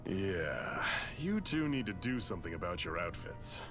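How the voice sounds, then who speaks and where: Steady, commanding resistance chief, game dub, expressive mid-range voice, music clearly behind. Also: male voice, sits low, normal speed. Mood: resolute. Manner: decisive, commanding. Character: resolute male resistance leader, commanding and steady. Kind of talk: English video game dub.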